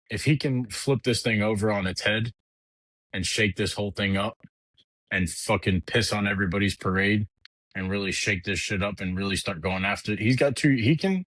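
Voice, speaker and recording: On his podcast, a middle-aged man rants casually about politics, bluntly, heatedly and profanely, frequently restarting his sentences. His voice sits on the low side with a fairly bright tone, at a moderate pace, captured in a dry, rough recording.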